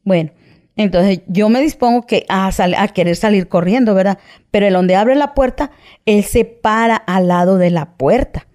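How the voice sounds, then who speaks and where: A woman tells her own story as an interview guest, with a dark, mellow tone at a middle pitch. She talks in a casual, halting way, restarting phrases and tagging them with "¿verdad?" and "¿va?". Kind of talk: personal testimony, casual retelling.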